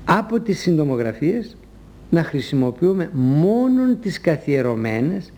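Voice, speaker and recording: Male language teacher, didactic and measured, mellow tone, slightly high. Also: big pitch swings, slight background noise. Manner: measured, didactic, spells out letters. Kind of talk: scripted talk on Greek usage.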